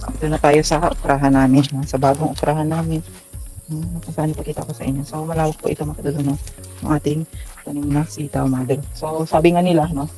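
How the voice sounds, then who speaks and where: A young man casually touring his bean garden outdoors for a vlog, speaking haltingly with many fillers and stumbling over his words, as if filmed on a phone. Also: on the high side, level tone, dark tone, faint music behind, rough recording. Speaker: farming vlogger.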